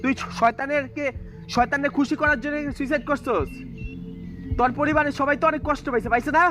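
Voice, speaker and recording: A man's voice: very high-pitched, steady tone, fast talker, over music. A man, filming a ghost-hunting vlog outdoors in a graveyard at dusk, taunting the dead and reciting prayers in an agitated way. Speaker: vlogger.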